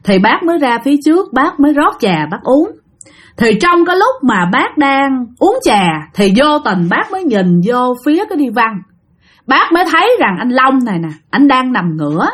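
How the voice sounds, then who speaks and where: A woman with a Southern Vietnamese accent telling a ghost story in a lively, dramatic way, speaking straight to her listeners. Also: high voice, moderate pace, slightly rough.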